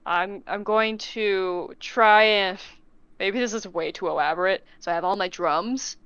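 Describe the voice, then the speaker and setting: Smooth-voiced woman playing a tabletop game. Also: mid-range voice, measured pace, a bit bright, no echo, highs cut off. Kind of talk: casual game chat.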